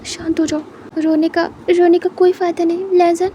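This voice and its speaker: Storybook role: tearful, stammering young man, read by a woman; high, mellow. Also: flat delivery, moderate pace, a little hiss or hum. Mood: soothing. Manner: pleading, choked, stammering.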